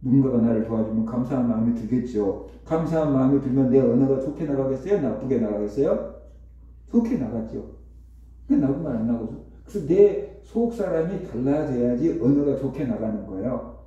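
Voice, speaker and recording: A man preaching a conversational sermon as pastor, telling a story with rhetorical questions and lively repetition. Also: medium pitch, a little fast. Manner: repetitive, animated retelling. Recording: echoey hall, distant dull mic.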